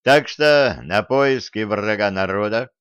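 A man's voice: lowish voice, takes it slowly, a bit bright, clear, resonant tone, no room sound, highs cut off. A man voicing a brash young man in a storybook, cocky and bossy. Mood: commanding. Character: young brash scheming man, royal gossip.

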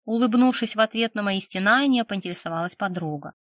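A woman narrates a first-person story in a lively, expressive reading voice at a middling pitch. The recording is dry and close, with no room sound. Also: quick pace, dry recording. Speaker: audiobook narrator.

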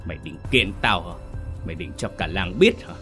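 A man's voice: low-pitched, sing-song, fairly quick, fairly bright tone, soft background music. A man playing a brutal older village chief who growls and snarls his threats. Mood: savage.

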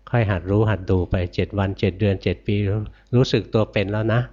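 An older man with a low, dark, mellow voice delivers a Buddhist sermon in a gentle, repetitive way. He keeps asking his listeners questions and answering them himself, and the recording sounds dull and lo-fi. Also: steady tone, fast talker. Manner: gentle, repetitive, ends phrases with soft particles. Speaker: Buddhist monk teacher. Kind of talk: dharma sermon.

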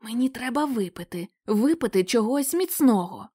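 A woman's voice: sits high, very animated, moderate pace, no echo, clean studio sound, pitched above the performer's own voice. Woman voicing a nervous, grumbling young man. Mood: hushed. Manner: exasperated, muttering.

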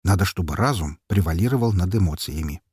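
A man narrates a first-person audiobook with a low, slightly husky voice. His delivery is expressive and tense, with lively rises and falls. The recording is close and dry. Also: brisk, dry recording.

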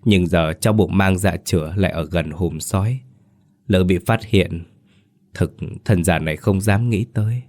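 A sorrowful old father who sighs and pleads with tired resignation, as a male storyteller puts him on. His voice sits very low and close, with a dry, deadened sound in this audio ghost story. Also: moderate pace, darkish tone, dry recording, lightly acted. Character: grieving elderly father, gentle and resigned.

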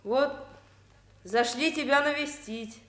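An actress playing a polite, apologetic schoolchild in a children's drama, recorded with a roomy echo. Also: female voice, high voice, takes it slowly, fairly bright tone. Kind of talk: children's radio drama acting. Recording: roomy, echoing sound.

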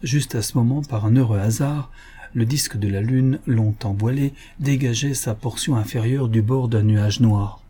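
A man reading an adventure novel aloud in a steady, measured narration. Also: medium pitch, slightly rough. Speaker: audiobook narrator. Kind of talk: scripted narration.

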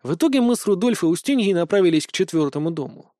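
A man reading a first-person audiobook in a calm, even storytelling manner. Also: sits high, quick pace, no room sound, studio quality. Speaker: audiobook narrator.

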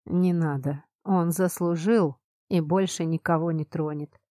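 A woman voicing a hoarse, grim young prince. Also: on the low side, steady tone, unhurried, warm tone, no room sound, clean studio sound, close to an everyday voice.

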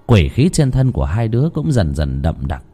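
A man narrating a horror story in an expressive, dramatic reading. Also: lowish voice, normal speed, slightly rough, soft background music.

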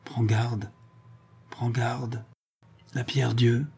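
A man voicing a dying old father who speaks in a faint, raspy, frightened whisper. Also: fairly low pitch, normal speed, dark tone.

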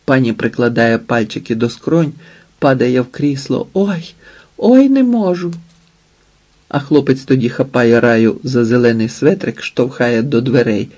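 A man reading an audiobook in a quiet, intimate, unhurried way. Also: medium pitch, steady tone. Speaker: audiobook narrator. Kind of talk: scripted narration.

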